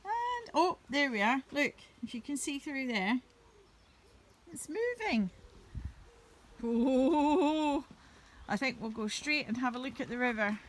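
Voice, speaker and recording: A woman chatting gently to her viewers while walking her dogs outdoors through woods by a river. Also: sits high, big pitch swings, normal speed. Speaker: vlogger. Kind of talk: casual walking vlog narration.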